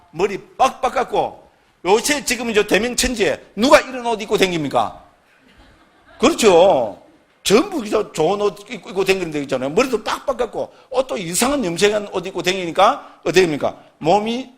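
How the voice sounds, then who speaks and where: A man lecturing on Buddhist scripture, first reciting a text slowly and then explaining it with constant tag and rhetorical questions. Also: high voice. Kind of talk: slow recited scripture reading, then lively classroom lecture.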